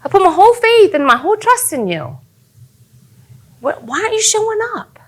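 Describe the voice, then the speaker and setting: A woman's voice: very animated, normal speed. A woman voicing a sick, desperate man who pleads with an absent friend. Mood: pleading. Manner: pleading, high and strained.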